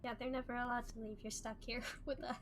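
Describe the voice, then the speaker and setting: A woman with a fairly high, cute anime-streamer voice greets her viewers sweetly. Her delivery is soft and cozy, a little sleepy. Some noise sits behind her voice. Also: little pitch movement, fast talker. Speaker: streamer host. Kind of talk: cozy livestream chat and reading aloud.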